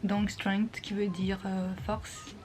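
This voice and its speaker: A woman vlogger explaining English pronunciation in a casual talk, repeating words slowly and patiently. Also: mid-range voice, flat delivery, darkish tone, soft background music.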